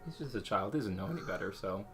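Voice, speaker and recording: A young man, a father, talking casually to camera at home, often rambling and restarting his sentences, and gently hushing with patient reassurances. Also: lowish voice, animated, quick pace, faint music behind. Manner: rambling, self-correcting restarts. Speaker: father vlogging. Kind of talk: casual talking-head vlog. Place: at home indoors.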